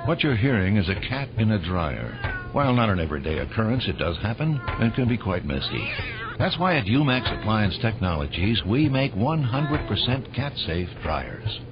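A man reading a scripted radio ad as a mock-serious announcer, deadpan and formal. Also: on the low side, moderate pace. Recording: dull band-limited audio, music behind.

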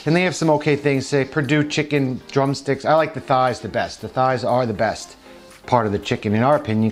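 A man with a New Jersey accent gives casual, opinionated commentary on store flyers, chatty with frequent restarts. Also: mid-range voice. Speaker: vlog host.

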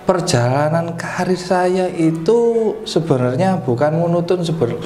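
A man, a PE teacher chatting as a guest in a relaxed, joking way. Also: fairly high pitch. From East Java, Indonesia. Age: 30s. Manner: relaxed and joking, with pauses to recall. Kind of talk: casual interview chat. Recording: roomy echo, faint ambient noise.

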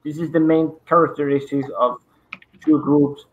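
Over a webcam video call, a middle-aged Argentine man presents to an online conference from a home study filled with bookshelves, speaking halting English with many fillers and a Spanish accent. His voice is slightly high and level in tone, at a moderate pace. The audio is dull and lo-fi.

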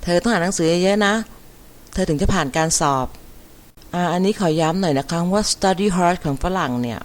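A woman teaching an English vocabulary lesson, repeating each word and spelling it out letter by letter with careful, deliberate enunciation. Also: on the low side. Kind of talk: slow vocabulary lesson, spelling words aloud.

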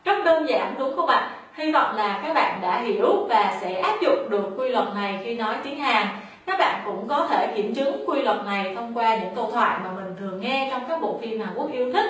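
A woman's voice: fairly high pitch, expressive, normal speed, fairly bright tone, husky. A woman whose first language is Vietnamese, giving a spoken lesson on Korean intonation and patiently explaining before reading example words aloud.

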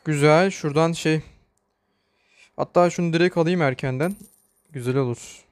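A man commenting live on his own mobile game match, excitable and shouting in panic when chased. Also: on the high side, moderate pace, dry recording, soft background music. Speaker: gamer streamer.

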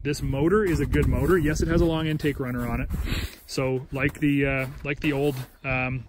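A man's voice: mid-range voice, fairly even intonation, normal speed. A man giving a casual, rambling walkaround review of a snowmobile outdoors, filming on a handheld phone, with many restarts and filler words. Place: outdoors on snow beside a snowmobile. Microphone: handheld phone camera. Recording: outdoor phone recording with engine noise.

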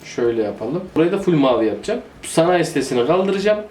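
A man's voice: on the high side, animated, fast, darkish tone, soft background music. A man giving casual, joking commentary while playing a city-building game and talking to himself. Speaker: gaming YouTuber. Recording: roomy echo.

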